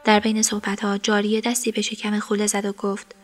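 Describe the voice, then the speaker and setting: Female narrator for a serialized story, measured and even, faint music underneath. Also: medium pitch.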